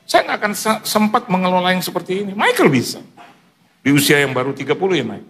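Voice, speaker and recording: A man preaching from a church stage, his voice sitting a little high for a man as he spins a comic story. He bounces into quoted asides and laughs along with his own jokes, and a faint hiss runs under the microphone. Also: fast talker. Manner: animated, joking, mimics others in quoted asides. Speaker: pastor. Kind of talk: sermon with humorous storytelling.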